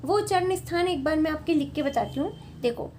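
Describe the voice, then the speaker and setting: A woman teaching a grammar lesson at a board, patient, often checking in with her students and repeating points slowly. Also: high-pitched, lively intonation, a little mellow, a little hiss or hum. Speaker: Sanskrit teacher.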